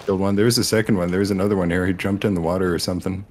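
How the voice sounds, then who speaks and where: Deep-voiced man, laid-back teasing gamer. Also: fairly even intonation, racing, darkish tone, a little hiss or hum. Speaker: gamer teammate. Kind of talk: casual gaming chat.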